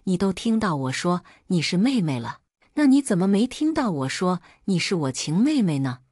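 Brief: woman reading teasing young boyfriend in an audio story, smug and coaxing, low and dry. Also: animated, normal speed, dry recording. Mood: exasperated.

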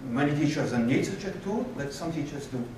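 Guy giving a keynote, lively and moving around, bit high voice, echoey hall from far off. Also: a little fast, noisy background. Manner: animated, gestures while pacing the stage. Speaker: keynote speaker. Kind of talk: conference talk and Q&A answers. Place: lecture hall with projector screens. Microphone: far room camera.

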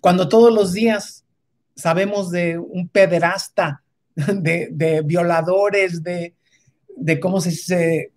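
A woman speaks slowly in a fairly low, slightly mellow voice with fairly even intonation. She gives an emphatic, casual opinion monologue, often restarting, hesitating, and pausing to add rhetorical tag questions.

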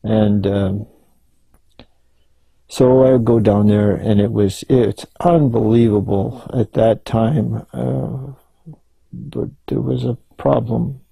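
Gravelly, dark-voiced older man. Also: medium pitch, fairly even intonation, dry recording, low-quality recording. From Canada. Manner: halting, rambling storytelling with many restarts. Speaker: interviewee. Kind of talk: oral history interview.

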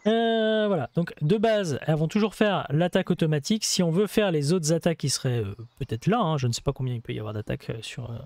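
A man's voice: on the high side, a little mellow, no echo. A man hosting a gameplay video, casually explaining the game in a chatty way with many hesitations and asides.

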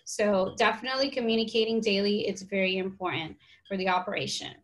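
A woman's voice: mid-range voice, fairly quick, rough recording. A woman, an HR consultant, giving practical business tips on a webinar in a conversational way. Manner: practical, conversational, many "you know"s. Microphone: video call.

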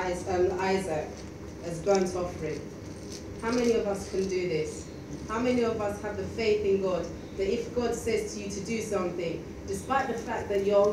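Young woman giving a sermon at the church mic, lots of ums and restarts, roomy echo, heard from far back. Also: medium pitch. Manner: conversational, halting with many fillers. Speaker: preacher. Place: small church hall. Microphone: stand mic at a lectern, filmed by a far camera. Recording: echoey hall from far off, noisy.

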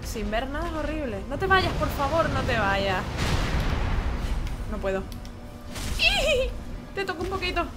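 A woman streaming a game, commenting excitedly, exclaiming and talking to her chat. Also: high-pitched, a little slow, long pauses, very noisy. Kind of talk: live gameplay commentary.

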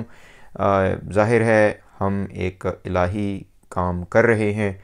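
A man giving a measured religious commentary, pausing often on fillers. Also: on the low side, clean tone. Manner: measured, with frequent hesitation fillers.

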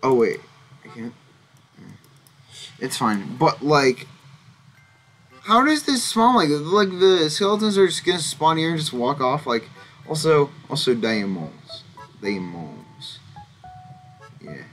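A young man giving casual, rambling gameplay commentary, full of fillers and sudden excited outbursts. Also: a little high, takes it slowly, pauses often. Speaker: gaming channel host. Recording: faint music behind.

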